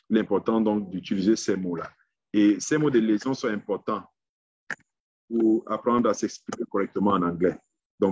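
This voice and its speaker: Husky low-voiced man giving a webinar. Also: darkish tone. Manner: hesitant, repeats words while searching for phrasing. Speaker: webinar speaker. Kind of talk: online lecture on public speaking. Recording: dull lo-fi online webinar audio.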